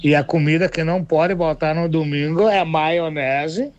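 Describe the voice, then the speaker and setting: A man's voice: a little high, moderate pace. Cheerful Brazilian male caller. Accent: Brazilian Portuguese. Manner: cheerful, chatty. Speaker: radio caller. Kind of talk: casual phone call.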